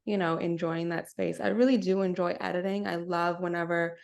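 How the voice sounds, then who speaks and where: A woman's voice: lowish voice, steady tone, a little fast, creaky, darkish tone. A young woman from the Bahamas, co-hosting a podcast in casual, reflective chat over a call. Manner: reflective, self-introducing, often says "kinda" and "right?". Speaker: podcast co-host. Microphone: video call.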